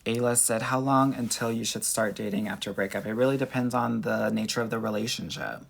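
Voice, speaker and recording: Sassy, gravelly Valley Girl-accented man. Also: fairly low pitch, fairly even intonation, a little fast. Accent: Valley Girl Southern California. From Southern California. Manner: sassy girlfriend-to-girlfriend talk, peppered with "girl" and "honey". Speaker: dating coach and livestream host. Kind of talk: casual livestream advice chat.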